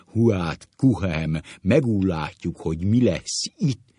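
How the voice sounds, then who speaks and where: A man doing a stern old schoolmaster with a deep, trembling voice that stretches and mangles its vowels, loud and slow. The voice is husky and dry, as in a comic storybook read aloud. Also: animated, no room sound.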